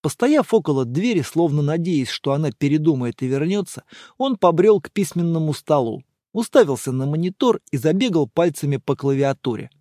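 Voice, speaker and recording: Calm male audiobook narrator. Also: no room sound, clean studio sound. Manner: calm, low and measured.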